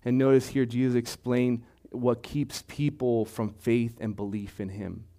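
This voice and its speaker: A man preaching a sermon, unhurried and deliberate, often repeating his phrases. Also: medium pitch, level tone, warm tone. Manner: slow, deliberate preaching with repetitions. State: throat clearing, choked up. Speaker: pastor.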